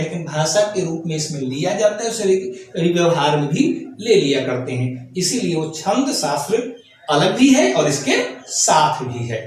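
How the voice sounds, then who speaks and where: A man's voice: fairly high pitch, distant mic, slight background noise. Briefman teaching in echoey classroom. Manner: explanatory, addresses students directly with rhetorical questions. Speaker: school teacher. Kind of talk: classroom grammar lesson.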